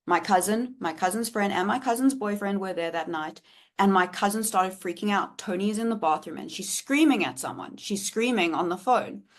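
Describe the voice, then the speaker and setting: A woman's voice: medium pitch, moderate pace. A woman, telling a candid storytime vlog and swearing freely. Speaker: vlogger.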